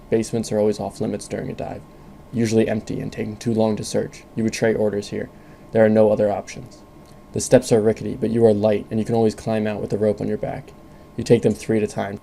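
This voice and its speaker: A man reading a scripted second-person story in a calm, measured way. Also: on the low side, creaky, slight background noise. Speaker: narrator.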